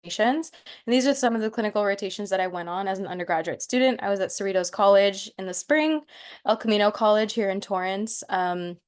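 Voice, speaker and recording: Speaking a little fast in a mid-range, clean voice, a young woman in her twenties presents at an online workshop over a video call. Born in Mexico and studying to be a PA, she keeps things casual and encouraging, with fillers.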